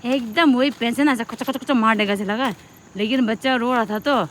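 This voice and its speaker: A woman's voice: a little high, steady tone, fairly quick. A young woman vlogger chatting through a long story, repeating herself and acting out what people said. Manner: chatty, repetitive, acts out the quotes. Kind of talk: casual storytelling. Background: traffic and street noise.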